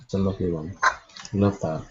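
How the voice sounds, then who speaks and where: A man hosting a charity livestream, reading poems and chatting in a dry, deadpan way. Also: low voice, a little fast, muffled recording, slight background noise. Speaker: poet and host. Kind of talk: poetry reading and casual chat.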